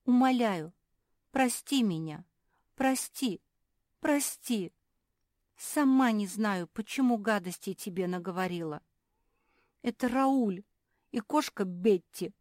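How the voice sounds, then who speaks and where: A woman puts on a weepy young labrador bride in a storybook. The voice sits high and loud and pleads without pause. It sounds remorseful and close to crying. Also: no echo, lightly acted. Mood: pleading. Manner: pleading, sobbing apologies.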